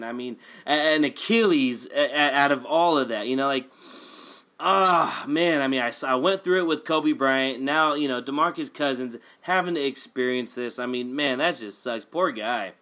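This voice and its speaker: Animated joking man in sports chat. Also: medium pitch, moderate pace. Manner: animated, jokey, lots of fillers. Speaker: co-host.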